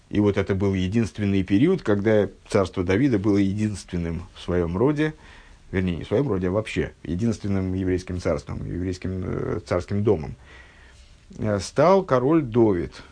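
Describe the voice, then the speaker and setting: Male religious teacher, somewhat low voice, measured text-study lecture, frequent hesitations. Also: expressive, warm tone. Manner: measured, halting, with frequent fillers and self-corrections; reads and translates Hebrew quotations.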